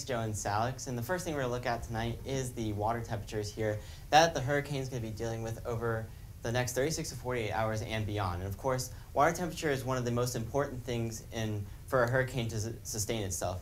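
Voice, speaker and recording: A man's voice: medium pitch, slight background noise. A man giving a live technical forecast, explaining maps as he goes. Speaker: weather forecaster.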